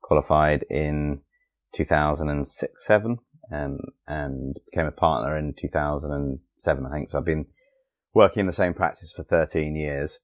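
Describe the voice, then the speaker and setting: A man's voice: very deep voice, fairly even intonation, moderate pace. A middle-aged man answering interview questions conversationally, often hesitating and rephrasing as he goes. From Essex, England. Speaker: guest, family doctor.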